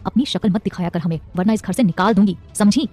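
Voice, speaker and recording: A shrill, scolding cruel housewife, put on by a woman. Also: big pitch swings, rapid-fire, mellow, husky, faint music behind.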